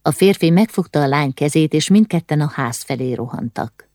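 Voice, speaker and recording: A woman's voice: sits low, animated, warm tone, no echo, clean studio sound. A woman reading a novel aloud as an audiobook narrator, voicing the dialogue with urgent, rising lines in tense moments. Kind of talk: scripted narration.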